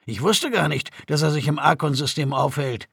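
Man voicing a calm, seasoned veteran. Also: a little high, vocal fry, husky, no echo, clean studio sound, full character voice. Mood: explaining. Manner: measured, explaining. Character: calm, experienced male veteran soldier.

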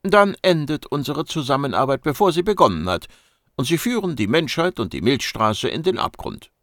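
A sharp, insistent woman secret agent, as a male audiobook reader puts her on, raising his voice higher for her. Her lines carry a cutting, ironic edge. The recording is dry and close. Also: big pitch swings, moderate pace, no room sound. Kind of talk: audiobook reading.

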